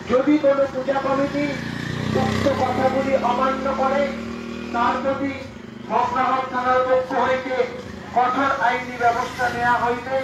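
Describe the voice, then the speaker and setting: A man making a formal police announcement through a megaphone on a moving vehicle, in measured, repeated phrases. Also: very high-pitched. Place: outdoors on a street. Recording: echoey loudspeaker with faint traffic.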